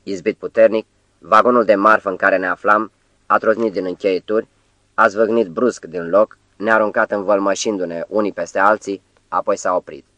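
Man, audiobook narration, measured, low-pitched, dry studio sound. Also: steady tone, a bit bright, no echo, highs cut off. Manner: measured, storytelling. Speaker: audiobook reader.

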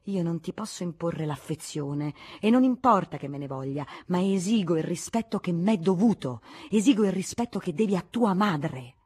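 A woman's voice: on the low side, expressive, normal speed, few pauses, a little mellow, breathy edge. A woman reading as a stern proud prince. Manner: stern, demanding. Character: stern proud aristocratic prince, middle-aged man.

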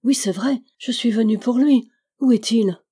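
A woman's voice: on the high side, moderate pace, dark tone, breathy edge. A woman reading as a feverish devout young noblewoman. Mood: alarmed.

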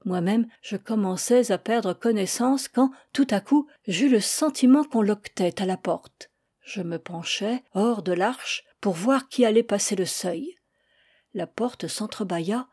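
Audiobook narrator, woman, mellow and measured, classic prose. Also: medium pitch, slightly rough, dry recording, clean studio sound. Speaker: audiobook reader.

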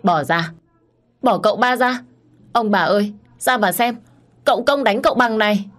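A woman voicing a bold young servant girl who shouts and tattles in an audio story. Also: expressive, normal speed, lightly acted. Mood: alarmed. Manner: shrill, tattling.

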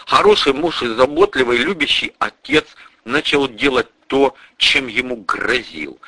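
A man reading a first-person audiobook in a grim, intense way. His voice is bright and forward, and his pitch moves a lot. The recording is dry and close, with no room sound. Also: no echo, poor audio. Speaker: audiobook narrator.

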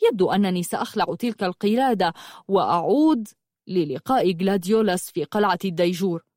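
A woman voicing a flustered male novelist who turns defensive and then gentle. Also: mid-range voice, dry recording, clean studio sound, natural voice. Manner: defensive, bursts into anger then softens.

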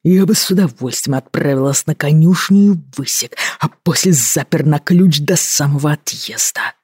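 A reader voicing an enraged male governor who speaks through clenched teeth, slow and raised. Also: mid-range voice, expressive, a little mellow, slightly rough, dry recording, studio quality. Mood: cold fury. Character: enraged male colonial governor, stern guardian.

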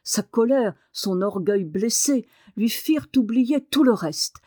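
A woman narrating a novel aloud in an expressive reading voice. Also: a little high, takes it slowly, dry recording, studio quality. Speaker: audiobook narrator. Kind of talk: scripted narration.

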